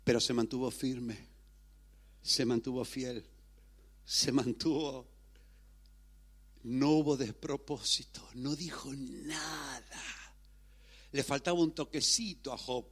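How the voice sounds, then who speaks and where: A middle-aged male pastor preaching a sermon dramatically, acting out voices and moving between shouting and near-whispers. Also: medium pitch, takes it slowly, long pauses.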